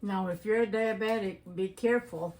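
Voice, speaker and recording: A woman's voice: medium pitch, normal speed, background noise. A woman hosting a casual cooking vlog, chatty and affectionate with her viewers, humming as she tastes the food. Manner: chatty, affectionate, addresses viewers as "you guys" and "my doves"; savors food aloud with hums while eating. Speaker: cooking channel host.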